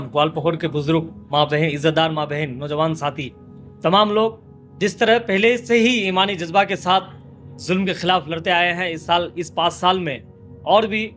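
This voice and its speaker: A man's voice: a little high, fairly bright tone. A man, a local politician, answering interview questions in impassioned, repetitive rhetorical lists. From West Bengal, India.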